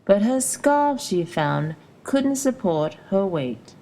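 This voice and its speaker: A woman narrates an educational video from a script in a storybook-like, explanatory way, tossing in rhetorical questions while music plays. Her mid-range voice is mellow and very animated, and she takes it slowly. The audio quality is poor.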